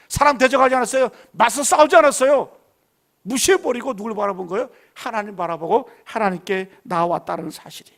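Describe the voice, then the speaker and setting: A man's voice: sits high, creaky, a bit bright. A middle-aged man preaching a Friday night sermon as pastor, talking in a casual, colloquial way and often putting questions to the congregation. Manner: preachy call-and-response, asking the congregation questions; colloquial storytelling about his daughters. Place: church sanctuary.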